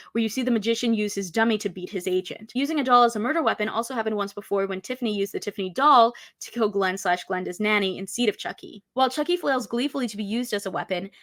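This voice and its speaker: A woman narrates a scripted pop-culture video as its presenter. She talks quickly at a medium pitch, recorded close and dry. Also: a bit bright, dry recording.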